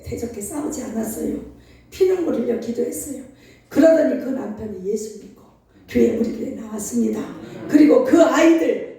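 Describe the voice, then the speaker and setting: Older woman, pastor, sermon, animated storytelling, high voice, heavy church-hall echo. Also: creaky. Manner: animated storytelling, emphatic and laughing. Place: church sanctuary. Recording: very echoey hall, from far off.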